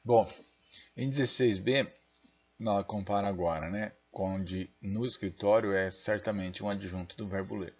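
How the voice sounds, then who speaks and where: In a recorded linguistics lecture, a Brazilian man speaks with a Brazilian Portuguese accent, a low-ish voice, fairly even intonation and a slightly slow pace, all in lo-fi sound. He thinks out loud, checks in through frequent tag questions and makes self-deprecating asides while handling the mouse.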